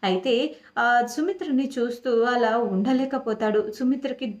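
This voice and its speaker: A woman's voice: a little high, moderate pace, highs cut off. Emotive woman narrating a serial recap. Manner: emotive retelling with frequent fillers. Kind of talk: casual storytelling recap. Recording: echoey room.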